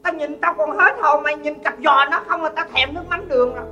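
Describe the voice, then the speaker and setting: A woman's voice: high-pitched, fast, dull audio, over music, close to an everyday voice. A woman playing a blunt, fussy older mother who finds fault with every bride her son brings home, in a comic sketch. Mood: scolding. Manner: blunt, scolding, mocking.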